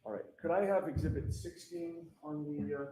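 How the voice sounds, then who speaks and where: A man's voice: fairly high pitch, fairly even intonation, normal speed, dark tone, slight background noise. Man cross-examining in an echoey courtroom. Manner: pointed leading questions, repeatedly ending with "correct?". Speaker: defense attorney.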